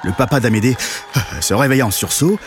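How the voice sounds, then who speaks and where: A man narrating a children's story, expressive and swelling at the exciting moments. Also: medium pitch, fairly quick, faint music behind, some chatter behind.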